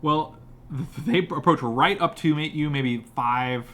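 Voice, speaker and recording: A man narrating a tabletop game as game master, improvising haltingly as he describes the scene. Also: on the high side, a bit bright. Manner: halting, searching for words as he describes. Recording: slightly noisy room recording.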